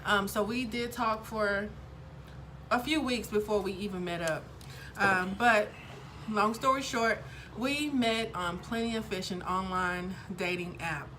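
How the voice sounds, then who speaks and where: A woman's voice: medium pitch, unhurried, a bit bright, a little hiss or hum. A woman in her thirties chatting casually to camera as a vlogger, upbeat and full of fillers. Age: 30s. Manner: upbeat, chatty, lots of ums.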